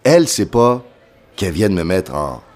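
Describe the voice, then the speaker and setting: A middle-aged man with a Quebec French accent, a pianist telling a lively anecdote over a meal and voicing the people in it. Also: low voice, normal speed. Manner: lively storyteller, voices other people in the story. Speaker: pianist guest.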